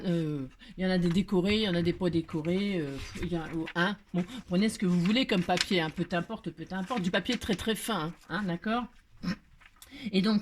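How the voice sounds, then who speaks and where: A woman's voice: lowish voice, noisy background. Chatty woman crafting at home. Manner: chatty, self-mocking, many fillers and repeated asides. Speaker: craft tutorial host. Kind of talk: casual crafting tutorial.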